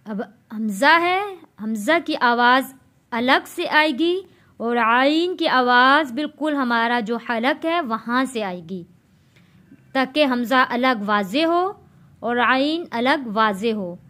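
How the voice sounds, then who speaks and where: A woman with a high voice teaches Quran reading in a patient recitation lesson. She spells out each letter and its vowel mark, then draws the syllables out slowly so a learner can repeat them. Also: animated, sharp tone. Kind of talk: slow step-by-step recitation lesson.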